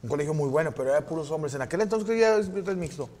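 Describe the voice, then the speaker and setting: Brief: man, podcast host, fairly high voice, lively profane storyteller, faint hiss behind. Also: fast. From Monterrey, Mexico. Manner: animated and profane, acting out other people's lines. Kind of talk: casual storytelling chat.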